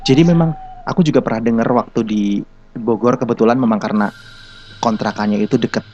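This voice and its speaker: A man's voice: medium pitch, fast talker, a little mellow, a little hiss or hum. A man hosting a casual interview, prompting his guest with short questions and acknowledgements. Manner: attentive, frequent short acknowledgements. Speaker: host interviewer. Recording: dull lo-fi sound.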